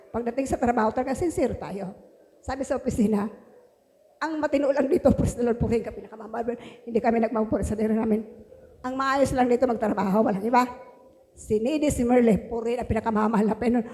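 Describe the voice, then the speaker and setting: A woman's voice: a little high, dark tone. Fervent woman testifying in echoing church. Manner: fervent, breaks into praise exclamations. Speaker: church member giving testimony. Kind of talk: religious testimony. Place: church hall. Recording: long hall reverb.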